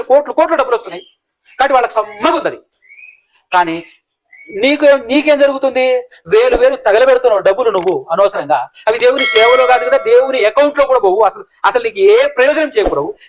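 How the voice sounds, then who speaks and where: A male preacher, delivering a fiery, scolding sermon full of rhetorical questions. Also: high voice.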